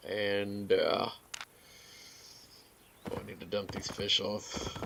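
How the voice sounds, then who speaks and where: A man giving relaxed, rambling commentary over his gameplay, with filler words and some hiccups. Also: lowish voice, takes it slowly, gravelly, background noise. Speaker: gaming video creator.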